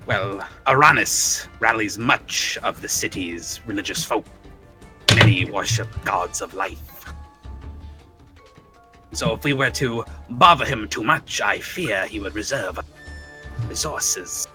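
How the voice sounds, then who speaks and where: A man's voice: fairly low pitch, slow pace, bright, forceful tone, voice pushed down, full character voice. A man voicing a huge, stern dragonborn paladin who speaks formally through his teeth with a hissing reptilian voice, with music underneath.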